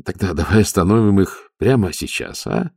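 A man's voice: deep voice, animated, normal speed, vocal fry, a little mellow, slightly rough, no echo, clean studio sound, full character voice. A man voicing a stern, stubborn watch commander who gives curt orders. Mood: dry.

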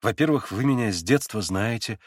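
A man reading an audiobook, voicing a sincere, gentle young man who speaks softly and thoughtfully, a little bashful. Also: lowish voice, animated, brisk, breathy edge, no echo, studio quality.

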